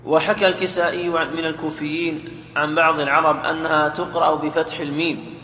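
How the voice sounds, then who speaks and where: Bright-voiced man reading aloud in an echoey hall. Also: on the high side, fast talker, faint music behind. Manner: steady formal recitation. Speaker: student reading the text aloud. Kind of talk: reading a classical text aloud. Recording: echoey hall with faint noise.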